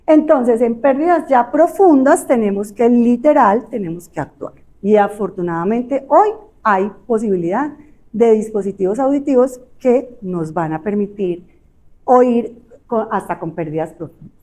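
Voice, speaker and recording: A woman's voice: on the high side, lively intonation, unhurried, dark tone. A woman with a Colombian Spanish accent giving a conversational talk as an audiologist, explaining things in a chatty way with frequent fillers and rhetorical tag questions. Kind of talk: conversational health lecture.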